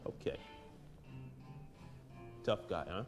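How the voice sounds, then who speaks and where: An actor playing a menacing male gang boss in a video game cutscene, talking in slow, contemptuous street slang. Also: highs cut off, soft background music, lightly acted.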